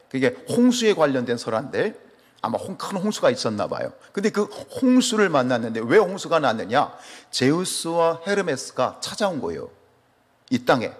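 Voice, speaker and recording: A Chungcheong man with a medium-pitched voice preaches in a church sanctuary where a long reverb tail follows his words. With his Chungcheong Korean accent, he's animated as pastor, asking questions of the congregation and answering them on his own.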